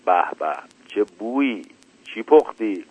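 A man voicing a gruff young husband. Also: fairly low pitch, lively intonation, no echo. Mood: easygoing. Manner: blunt, then coaxing. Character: hungry young husband, gruff but tender. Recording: tinny dry lo-fi radio recording.

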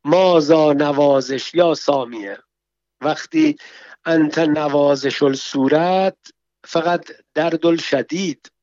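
A man voicing a squeamish, quick-tempered Persian man who speaks slow, halting broken Arabic in a read-aloud story. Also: fairly high pitch, a little mellow, no echo, highs cut off, close to an everyday voice. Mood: whining.

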